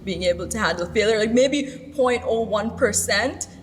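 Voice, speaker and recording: A woman in a podcast debate, measured and skeptical, pushing back while murmuring agreement. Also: mid-range voice, big-room sound.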